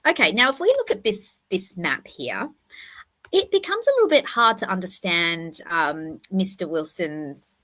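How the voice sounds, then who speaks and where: A woman's voice: fairly low pitch, very animated, a little slow, a bit bright. A woman with a lisp and whistling s, chatting and correcting herself as she hosts a casual livestream commentary. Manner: rambling, self-correcting, chatty. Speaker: livestream host.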